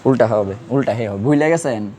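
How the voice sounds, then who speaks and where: A man teaching an Urdu grammar class asks students repeated quiz questions in a mellow, medium-pitched voice at a fairly quick pace. Slight background noise is present.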